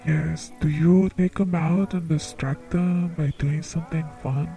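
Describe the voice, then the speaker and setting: A man hosts a comedic psychic call-in show, taking his time over every word. His voice is soft-spoken and earnest, and it sits very dark and mellow. His pitch is a touch higher than most men's. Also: steady tone, measured pace, creaky, faint music behind, poor audio. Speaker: psychic radio show host.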